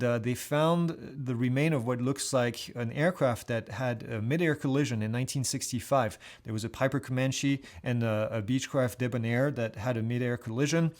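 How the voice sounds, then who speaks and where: Guy doing a weekly airplane news update, chatty and relaxed, lots of uhs and restarts, mid-range voice. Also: medium pitch. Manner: casual, conversational, with many fillers and restarts. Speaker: aviation news host.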